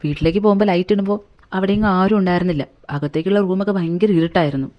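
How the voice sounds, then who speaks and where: A woman's voice: fairly low pitch, rapid-fire, dull audio. A woman retelling a film's story in a chatty, colloquial way, as a movie recap narrator.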